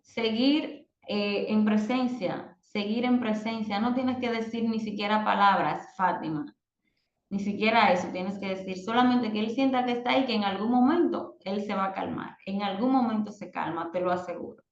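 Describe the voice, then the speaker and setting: A woman, a mother, teaching an online parenting course and giving direct advice with slow, emphatic stresses. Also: mid-range voice, echoey room, lo-fi sound.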